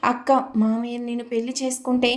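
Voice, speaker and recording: A woman's voice: on the high side, level tone, fairly quick, close to an everyday voice. A woman voicing an ashamed young woman who apologizes through tears in a storybook reading. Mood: remorseful. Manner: tearful, apologetic.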